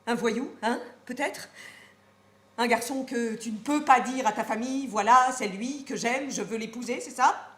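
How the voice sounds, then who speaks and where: An actress playing an old, devoted nurse who scolds and laments on a theater stage, swinging from shouts to murmurs. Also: female voice, fairly high pitch, moderate pace, lightly acted. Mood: scolding. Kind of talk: stage acting. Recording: roomy stage with faint noise.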